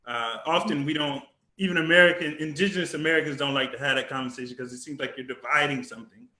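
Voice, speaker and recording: Bright-voiced man in an echoey room. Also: a little high, steady tone, fast. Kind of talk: casual conversation.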